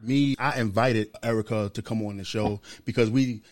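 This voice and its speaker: A young man co-hosting a casual podcast, telling stories in a lively, slangy way. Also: lowish voice, moderate pace, no room sound, clean studio sound. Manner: animated storyteller, slangy and laughing. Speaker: podcast co-host.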